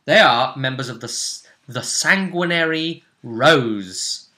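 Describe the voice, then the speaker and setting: A man serving as game master at a tabletop session narrates the story in a casual, expressive way, his voice bright, forward, and mid-range. He pauses to search for words and repeats phrases for emphasis.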